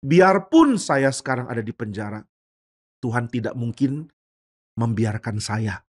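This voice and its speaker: A man's voice: mid-range voice, sing-song, measured pace, breathy edge, pitched below the performer's own voice. A man voicing a humble, faithful young slave who answers meekly and politely. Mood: earnest. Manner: meek and polite.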